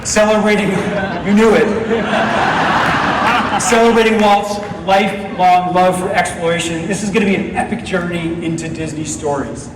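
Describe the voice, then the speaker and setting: Heard distantly via the stage PA, a man with a high, steady voice speaks at a moderate pace, projecting an upbeat keynote as a company executive to a live crowd. The phone recording, made from the back of a large darkened convention auditorium, is echoey and full of crowd noise.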